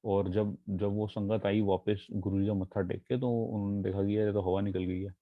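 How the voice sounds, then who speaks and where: A young man earnestly telling a personal devotional story, halting often and mixing in English phrases. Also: fairly low pitch, little pitch movement, no echo. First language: not Punjabi. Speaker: devotee sharing testimony. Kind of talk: personal testimony. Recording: tinny phone-like sound.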